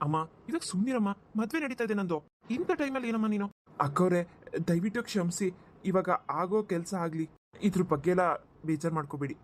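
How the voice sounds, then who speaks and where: A woman's voice: fairly low pitch, lively intonation, quick pace, a little hiss or hum, lightly acted. A woman voicing a polite, earnest young groom who apologizes and reassures his bride in a cartoon. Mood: apologetic. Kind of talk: cartoon voice acting.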